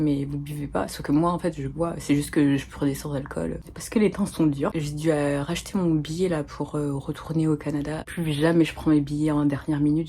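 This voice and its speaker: A woman's voice: sits low, mellow, a little hiss or hum. A woman with a French accent, telling a rambling, chatty story as a travel vlogger talking to her viewers. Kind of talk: casual chat to camera.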